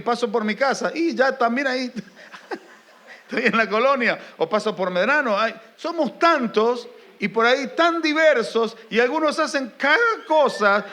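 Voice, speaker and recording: A pastor preaching a sermon to his congregation, animated and emphatic, asking rising questions and mixing in jokes. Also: very high-pitched. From Argentina.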